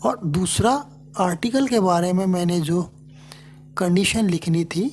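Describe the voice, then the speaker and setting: Male grammar teacher; slow, patient delivery, husky tone, repeats and checks understanding. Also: sits high, darkish tone. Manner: repeats each point, restating terms in two languages; unhurried, with frequent checking questions. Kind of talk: explanatory grammar lesson.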